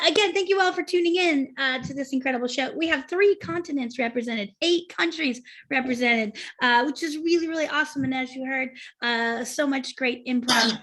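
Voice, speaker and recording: A woman's voice: high-pitched, sharp tone. A woman hosting an online improv show on a video call, upbeat, often repeating her praise. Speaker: host.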